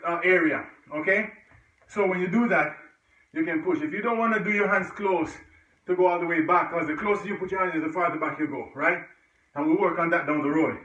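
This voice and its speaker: A man coaching a home workout with a bright, forceful voice and an encouraging, chatty way of explaining each move. He sounds out of breath at times and grunts between moves. He is heard from some distance in an echoey room, through a dull, lo-fi recording. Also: sits high. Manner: encouraging, chatty, breaks off mid-exercise with grunts. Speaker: fitness instructor.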